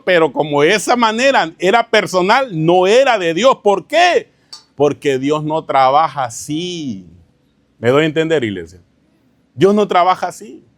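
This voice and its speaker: A man's voice: high-pitched, no room sound. A male pastor preaching a sermon, often asking his congregation rhetorical questions and calling them brother. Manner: tells anecdotes with a chuckle, informal preaching. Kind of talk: sermon teaching.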